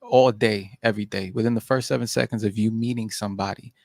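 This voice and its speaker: Gravelly man lecturing, "right?". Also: lowish voice, steady tone, fast talker, darkish tone, no room sound, studio quality. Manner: lecturing, keeps asking "right?". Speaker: podcast panelist. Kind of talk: casual podcast debate.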